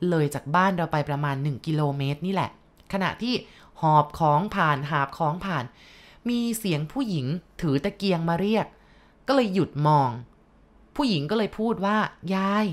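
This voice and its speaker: A woman's voice: fairly low pitch, expressive, normal speed. A woman telling a ghost story in a casual, chatty way, adding asides to her listeners.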